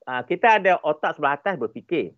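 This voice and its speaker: Malaysian guy, relationship expert, lively and emphatic, kinda higher voice, dull dry sound. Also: quick pace, dry recording. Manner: animated, emphatic, repeats points for effect. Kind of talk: explanatory interview talk.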